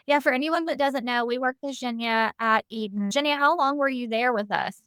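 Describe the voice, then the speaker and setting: A woman's voice: high-pitched, brisk, a bit bright, clean tone, dry recording, clean studio sound. A woman hosting a casual chat over a video call, friendly and asking questions. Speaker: host.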